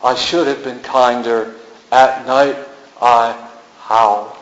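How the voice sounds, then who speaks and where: A poet gives a reading in an art gallery, his medium-pitched voice slow and steady as he delivers a musing, incantatory performance with repeated refrains. The recording is echoey, with a dull lo-fi sound.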